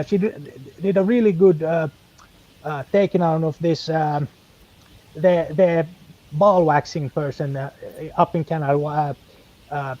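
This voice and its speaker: A Finnish-speaking man, guesting on a casual live stream, talks haltingly, filling pauses and restarting as he searches for words. His slightly high voice has a dark tone, and the sound comes through dull and lo-fi.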